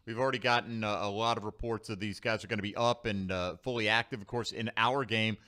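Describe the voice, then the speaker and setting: A man's voice: fairly low pitch, steady tone, fast, bright, forceful tone. An American man co-hosting sports radio, giving fantasy football commentary.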